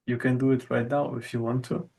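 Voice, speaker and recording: A man's voice: medium pitch, level tone, brisk, gravelly, a little mellow. A man hosting an online poetry session, chatting casually and hesitantly, often repeating words as he thinks. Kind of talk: casual group chat.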